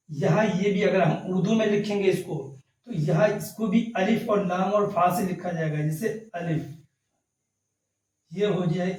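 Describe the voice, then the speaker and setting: A man's voice: high voice, darkish tone. A man teaching the alphabet, patiently sounding out and repeating each letter. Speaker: Urdu teacher. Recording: echoey room, voice far from the mic.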